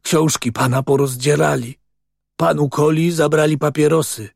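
A man's voice: on the high side, normal speed, creaky, no echo, clean studio sound, voice pushed up. A man reading as a tearful, whining man. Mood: lamenting. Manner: sobbing, pleading, monotonous.

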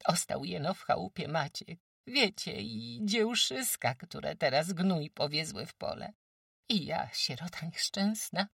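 A woman's voice: on the low side, expressive, a little slow, creaky, fairly bright tone, husky, no echo, clean studio sound, recorded from a distance, pitched above the performer's own voice, heavily acted. A woman voicing a careworn peasant farm wife who talks emphatically in rustic speech, lamenting her troubles. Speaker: farm housewife.

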